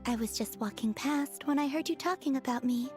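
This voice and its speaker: A high, gentle young woman's voice performed by an actress for a video game character. She is innocent and oddly literal, speaking politely and earnestly over background music. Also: a little fast, close to an everyday voice. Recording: background music under the dialogue.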